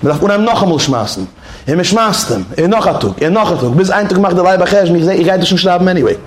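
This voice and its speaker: A man telling a story in a lively way, acting out roars and shouts and mixing English words into his speech. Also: high voice, fast, roomy sound. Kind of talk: animated storytelling.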